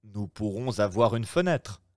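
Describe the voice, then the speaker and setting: A man reading aloud and voicing a calm, shrewd young gentleman who talks in a measured, persuasive way. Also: fairly low pitch, dry recording, clean studio sound.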